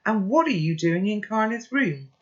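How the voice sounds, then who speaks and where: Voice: mid-range voice, expressive, moderate pace, muffled recording, pitched above the performer's own voice, natural voice. A reader voicing a blustering teenage boy who snarls in angry bravado. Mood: snarling.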